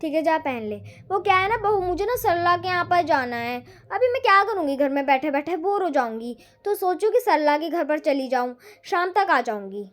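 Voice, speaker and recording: A woman's voice: extremely high pitch, expressive, normal speed, few pauses. A woman playing a middle-aged mother-in-law who patiently lectures her squabbling daughters-in-law in a homemade family drama. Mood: plain.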